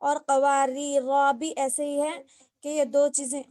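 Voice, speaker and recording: A woman's voice: high-pitched, flat delivery, takes it slowly, a little mellow, no echo, clean studio sound. A woman teaching a Quran recitation class over a video call, explaining step by step and often asking the class questions. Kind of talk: online class lesson. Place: online class.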